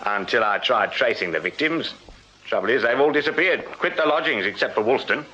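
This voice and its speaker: An actor playing a shrewd, firm Victorian police sergeant with an English accent, brisk, courteous and wry, in a radio drama. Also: male voice, mid-range voice, animated, pushed and bright. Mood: wry, intent. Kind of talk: full-cast radio drama acting. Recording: slightly dull radio drama recording.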